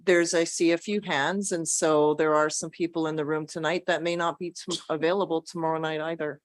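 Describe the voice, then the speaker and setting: A woman's voice: sits low, flat delivery, a little fast, dry recording. A woman acting as mayor, chairing a council meeting in a polite, procedural way. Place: council chamber.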